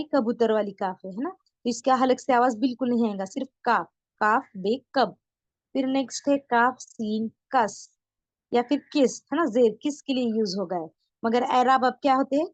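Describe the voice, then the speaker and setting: A woman teaching an online beginner Urdu writing lesson, patient, repeating words slowly and often checking that her students follow. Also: on the high side, dry recording, muffled recording. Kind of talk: online beginner lesson, explaining letters step by step.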